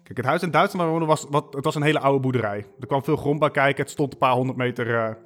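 A man telling a spooky first-person story in a soft, halting delivery with many pauses. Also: mid-range voice.

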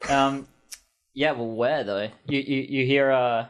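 A man's voice: medium pitch, fairly even intonation, slow, background noise. A man running a tabletop game as game master, chatting casually, laughing often and hesitating with many ums.

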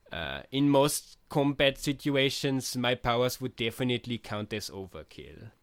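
A man voices a polite psychiatrist superhero accompanied by a floating skull, using an Austrian accent. His mid-range voice is animated yet earnest and halting, with many hesitations, and there is no room sound.

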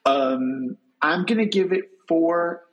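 A man's voice: a little high, slow pace, highs cut off. A man co-hosting a podcast, musing aloud with questions and loose, restarting phrases. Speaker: podcast co-host. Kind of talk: casual chat reviewing a TV episode.

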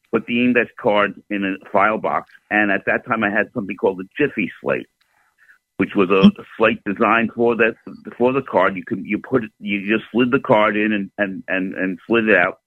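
A man in his seventies calling in to a radio show, telling stories in a steady, detailed way over a phone line. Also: on the low side, no room sound. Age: 70s. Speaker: caller. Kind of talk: call-in radio chat.

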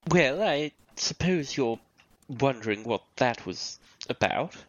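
A woman's voice: extremely low pitch, animated, lo-fi sound, exaggerated voice. A woman playing a genteel, courteous, easily flustered fantasy adventurer with a mannered, hesitant delivery in a tabletop game. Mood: grave, measured. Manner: mannered, hesitant, dramatic pauses.

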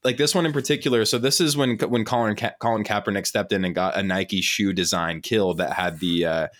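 A very low-voiced man co-hosts a casual podcast. He talks in a loose, laid-back way and keeps saying "dude" and "like". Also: fairly even intonation, brisk, fairly bright tone. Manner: loose, laughing, says dude and like a lot. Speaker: podcast co-host. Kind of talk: casual chat.

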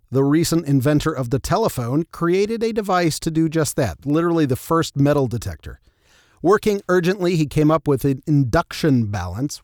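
A man's voice: a little high, a little mellow, dry recording, clean studio sound. A man narrating scripted history in a true crime storyteller's style, with wry, tongue-in-cheek asides. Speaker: narrator and host of a history show.

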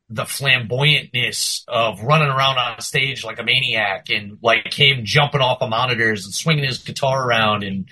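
A man talking as a guest musician on a podcast, rambling in a loose, animated way as he tells stories. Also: medium pitch, poor audio. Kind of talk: casual podcast chat.

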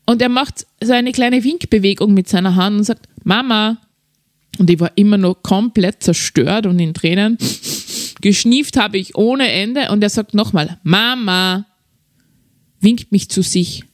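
A woman's voice: mid-range voice, normal speed, darkish tone, no echo, clean studio sound. A middle-aged woman telling a confessional personal story as a podcast host, drawing out key words for drama. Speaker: podcast host and keynote speaker.

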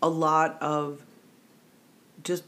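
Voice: medium pitch, flat delivery, slow, fairly bright tone. Chatty New Jersey podcast co-host. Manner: chatty, digressive, laughs easily. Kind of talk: casual chat.

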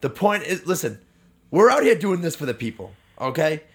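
A man co-hosting a casual chat, swearing freely and giving mock-heroic pep talks with loud outbursts. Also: fairly high pitch, sing-song, normal speed, a little hiss or hum. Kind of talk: casual banter.

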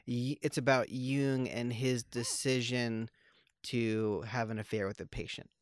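A man's voice: medium pitch, level tone, measured pace. A man co-hosting a podcast, chatting casually and joking about films while rambling with many fillers and restarts. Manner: joking, wry. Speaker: podcast co-host. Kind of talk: casual conversational film chat.

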